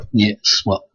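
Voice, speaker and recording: A man casually commenting on a video game he is playing, goofy and joking, often stammering and restarting, his voice slightly hoarse. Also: bright, forceful tone, no room sound, rough recording. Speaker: gaming commentator. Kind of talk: casual let's play commentary.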